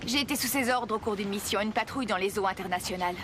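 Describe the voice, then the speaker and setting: An actress in a dubbed TV drama playing an outspoken, resentful navy officer with a pointed delivery. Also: female voice, medium pitch, fast, close to an everyday voice. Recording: clear boat and water noise.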